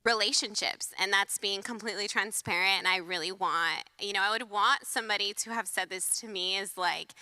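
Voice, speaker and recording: A woman's voice: mid-range voice, a little fast, few pauses, sharp tone, no echo. A young woman who leads a church life group, chatting casually and animatedly on a panel and often laughing.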